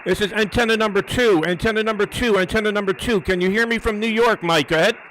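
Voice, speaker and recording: A high-voiced man runs a live amateur radio test. He methodically repeats short phrases and call signs, with faint radio noise behind him. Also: fast talker, fairly bright tone, low-quality recording. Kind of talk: live radio contact and antenna test commentary.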